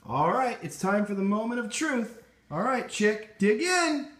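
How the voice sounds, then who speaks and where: With a sing-song, somewhat bright voice that sits high, a young adult American man explains a recipe at a measured pace as a cooking show host. He keeps it casual, playful and slangy, filming indoors at a home kitchen and a grocery store.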